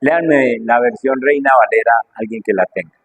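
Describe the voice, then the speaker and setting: A man's voice: normal speed, poor audio. A middle-aged man preaching a sermon with fervour, asking the congregation one rhetorical question after another and swinging his voice up and down. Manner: fervent, full of rhetorical questions, wide swings in pitch and loudness.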